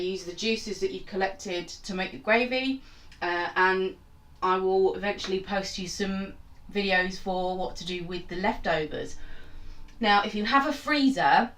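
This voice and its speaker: In her small home kitchen, a home cook and channel host gives a casual cooking demonstration in a lowish, slightly bright voice. She rambles chattily and makes self-mocking asides, sounding far from the mic in an echoey room.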